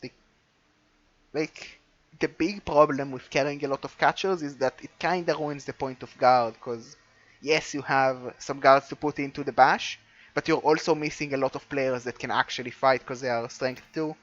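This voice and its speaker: A man talks through a game recap in a relaxed, chatty way, weighing up teams. His voice sits at an ordinary middle pitch. The audio is dull and lo-fi. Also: normal speed. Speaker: co-host. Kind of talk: casual game recap chat.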